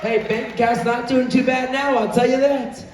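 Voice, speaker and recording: A man's voice: very high-pitched, fairly even intonation, moderate pace, some chatter behind. A man working as an upbeat cruise director, hosting a live couples game show in a teasing showman's manner. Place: large indoor show venue on a cruise ship. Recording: echoey hall, distant, faint background noise.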